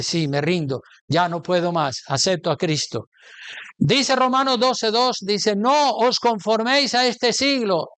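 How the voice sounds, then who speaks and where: A preacher delivers a sermon with emphatic force, his speech peppered with rhetorical questions to the congregation. His voice sits notably high for a man and comes through smooth and clear. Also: a bit bright. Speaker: pastor.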